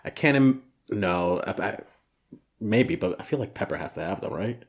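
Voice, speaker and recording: A man's voice: lowish voice, animated, normal speed. Laid-back man with casual swearing. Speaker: podcast co-host. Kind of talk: casual chat.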